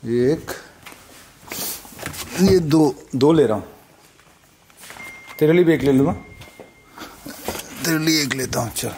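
A man's voice: on the high side, takes it slowly, long pauses, a little hiss or hum. A man in his thirties from India, vlogging in casual, playful chat with a friend while walking around a farm. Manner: excited, playful banter with a friend. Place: outdoors on a farm and in a small farm shed.

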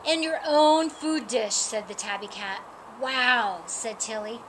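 A middle-aged storyteller reads a children's picture book outside in a sunny yard, her pace slow and her delivery lively, with her voice lifting for the animals. Her pitch is fairly high. The audio, from a camera a few feet away, is poor, with a little hiss or hum.

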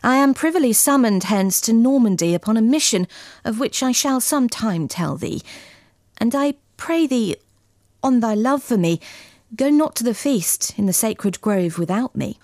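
A woman's voice: a little high, expressive, moderate pace, darkish tone, no room sound, studio quality. A woman voicing a troubled young man who earnestly begs his beloved in archaic speech. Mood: pleading. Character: young man, troubled lover, fearful and pleading.

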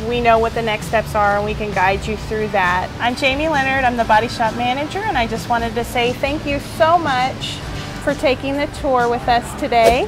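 A woman in her thirties with a fairly high voice walks listeners through a large auto repair garage. She explains each step plainly and practically on a clip-on lapel mic. Background music plays clearly beneath her voice. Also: fairly even intonation, normal speed, poor audio. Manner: matter-of-fact, explanatory with fillers. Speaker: body shop manager. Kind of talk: guided workplace tour. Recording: music bed under the voice.

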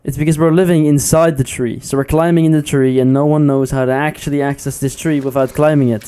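Man, gaming YouTuber, warm mellow tone, chatty commentary. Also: a little high, little pitch movement, quick pace, smooth. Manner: chatty and playful, laughs often. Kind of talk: casual gameplay commentary.

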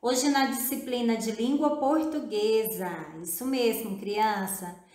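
A woman teacher giving a video lesson to children, speaking in a slow, drawn-out, encouraging way and repeating words syllable by syllable. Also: a little high, a little mellow. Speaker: primary school teacher. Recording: echoey room.

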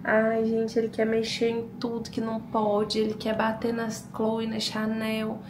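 A chatty mother talks straight to her viewers in a home vlog. Her voice sits a little high. The room is echoey, with steady household noise behind her. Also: measured pace, far from the mic. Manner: chatty, addresses viewers often. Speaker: vlogger mother. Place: family home, kitchen and bathroom.

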